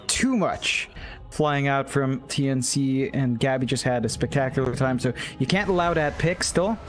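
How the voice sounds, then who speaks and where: A man casting an esports match, giving quick analytical draft commentary with stammered restarts. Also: on the high side. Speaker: esports caster.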